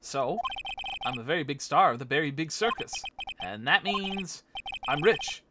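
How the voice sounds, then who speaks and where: A woman's voice: low-pitched, expressive, a little slow, background noise. A woman hamming up a vain, preening male circus magician. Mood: smug. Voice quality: drawling, preening and pompous, calls people sweetie. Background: game music.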